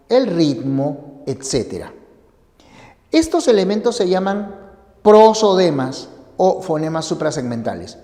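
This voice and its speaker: A male language teacher with a high voice who explains each point step by step. He asks the viewer questions as he goes. The recording carries a long hall reverb. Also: a little mellow. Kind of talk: recorded spelling lesson.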